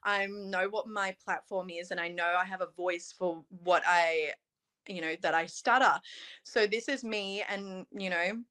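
A young Australian woman, a pageant titleholder guesting in a casual interview, talks earnestly and chattily, peppering her speech with "you know" and "um." Her lowish voice is bright and forceful, with a steady tone and measured pace.

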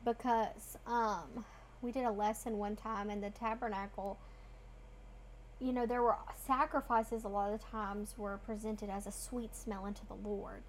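A woman's voice: medium pitch, level tone, slight background noise. A woman co-hosting a casual faith discussion in an earnest, teaching tone. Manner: earnest, teaching tone with quick asides. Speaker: co-host.

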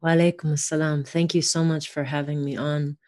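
A woman's voice: low-pitched, little pitch movement, brisk, dark tone. A woman, talking casually as a guest in an interview. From California, United States. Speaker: podcast guest, author.

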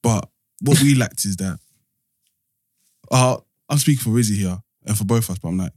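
A man's voice: lowish voice, normal speed, darkish tone, no room sound. Young London roadman, dry close sound. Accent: London, urban street slang. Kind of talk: casual group chat.

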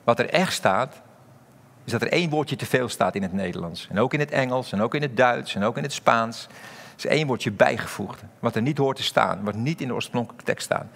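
A man's voice: medium pitch, fairly quick, creaky, fairly bright tone, long reverb tail. A man preaching a sermon, emphatic, with sudden rises and drops in his voice, addressing the congregation directly. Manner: addresses the congregation directly, asks rhetorical questions. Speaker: pastor.

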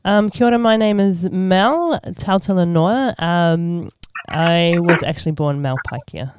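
A woman's voice: fairly low pitch, measured pace, noisy background. A woman in her forties from Australia, a podcast guest speaking in a thoughtful, hesitant way with many ums. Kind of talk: casual podcast chat.

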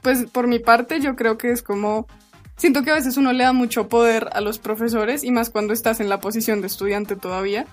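Lively young woman storyteller. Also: on the high side, a little fast, soft background music. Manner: animated, laughing while telling. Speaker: podcast host. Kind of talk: casual storytelling.

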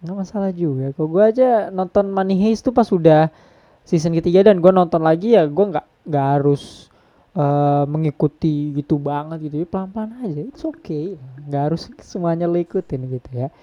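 Guy hosting a chill podcast, dark mellow tone, throws english in, dead dry sound. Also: on the high side, moderate pace, no echo, lo-fi sound. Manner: relaxed, mixes English phrases into casual talk. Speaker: podcast host. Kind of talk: casual podcast chat.

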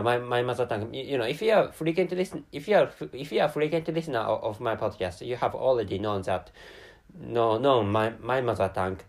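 In a mid-range voice, a native Japanese-speaking man from Japan rambles through an unscripted podcast monologue with a Japanese accent. As host he digresses constantly, speaking very haltingly and stammering over repeated words and syllables.

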